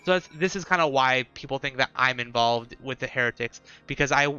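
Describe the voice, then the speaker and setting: Bright-voiced man streaming a game. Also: mid-range voice, a little fast, clear, resonant tone, soft background music. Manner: chatty, talks to chat viewers. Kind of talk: casual live-stream game commentary. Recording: dull lo-fi stream audio.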